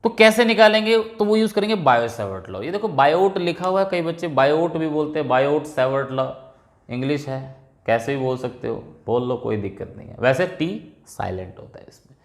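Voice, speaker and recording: A man with a fairly high, lively voice teaches a physics lesson. He explains step by step and repeats each key term. The room around him is echoey. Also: brisk. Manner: explains step by step, repeats key terms, mixes Hindi and English. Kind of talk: classroom physics lecture.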